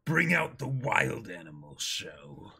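A man's voice: on the low side, very animated, slow, creaky, bright, forceful tone, slightly rough, pitched below the performer's own voice, full character voice. A man voicing a bombastic, short-tempered pirate clown captain in a theatrical, ranting manner for a comic reading. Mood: menacing, commanding.

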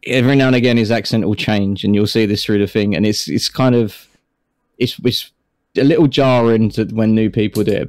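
A man's voice: medium pitch, a little mellow, no echo. Rambling, laughing male player. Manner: laughs often, rambling descriptions. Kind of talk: playing a tabletop game.

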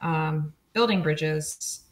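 A woman's voice: deep voice, drawn-out words, reverberant. A woman guest in a casual interview, chatty, with frequent laughs and fillers. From Oregon, USA. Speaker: podcast guest, street-safety advocate.

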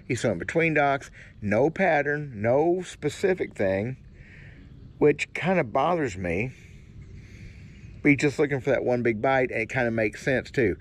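A man's voice: mid-range voice, lively intonation, a little slow. An older man, musing in a folksy, rambling way while sitting in a kayak in a swamp. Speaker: fishing vlogger. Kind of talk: casual outdoor musing. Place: kayak in a cypress swamp, outdoors.

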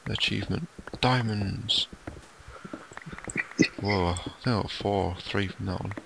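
A man co-hosting a casual game commentary, chatty and rundown-style, with a sleepy, croaky late-night voice. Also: fairly low pitch, measured pace, background noise. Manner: chatty, tour-guide rundown with fillers. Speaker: let's play co-host.

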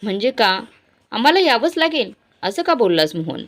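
An elderly mother, patient but unyielding, pressing her sons for the truth, voiced by a woman storyteller. Her pitch rises and falls freely. It is an emotional storybook reading. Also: big pitch swings, moderate pace, fairly bright tone. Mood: demanding. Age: older.

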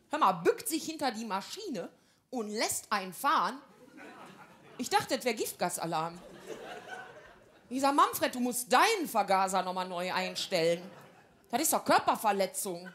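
A woman's voice: medium pitch, a bit bright. A woman delivering a stand-up comedy monologue in brash, gossipy housewife banter full of broad slang.

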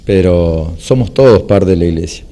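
A man in his fifties, a church elder, talking in a relaxed, rambling way with many fillers during a local TV interview in a hall. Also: low voice, normal speed. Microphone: handheld reporter mic.

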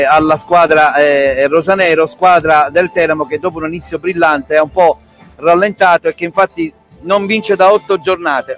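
Middle-aged stadium reporter, higher voice. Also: male voice. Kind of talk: live sports reporting. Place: stadium, outdoors.

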